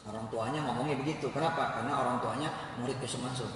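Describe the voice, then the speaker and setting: A man giving a sermon in an animated, joking way, speaking straight to his audience. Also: medium pitch, racing, heavy background noise. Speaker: preacher. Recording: echoey hall heard from far off.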